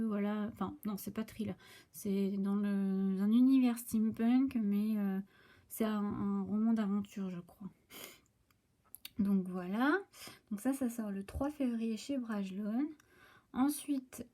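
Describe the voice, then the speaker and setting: French woman, booktuber, warm higher voice, halting casual delivery with lots of fillers. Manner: hesitant, many fillers and restarts. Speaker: booktuber presenting new book releases. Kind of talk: casual chat to camera. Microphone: phone.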